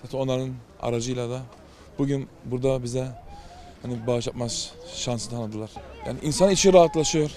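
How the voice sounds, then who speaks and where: A man volunteer answers an interviewer's questions outdoors in a town street. He speaks earnestly in a halting way, pausing and restarting his sentences. His voice is dark and mellow at an ordinary pitch.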